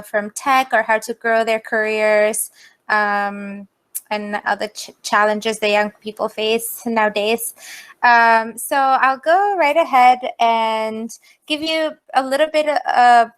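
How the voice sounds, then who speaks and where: A woman's voice: on the high side, a bit bright, clean tone. A woman in her thirties with an Albanian accent, giving an informal career presentation to students over a video call as a guest speaker.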